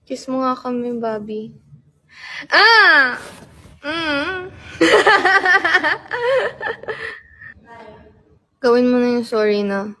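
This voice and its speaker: A young woman chatting casually on a livestream, playful and laughing, sometimes dropping into slow soft tones. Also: a little high, expressive.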